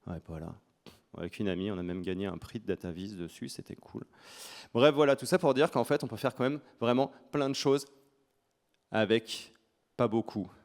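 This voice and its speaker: A man's voice: lowish voice, moderate pace, a little mellow. A man with a French accent giving an informal conference presentation in a colloquial, joking, self-deprecating manner. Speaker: conference speaker.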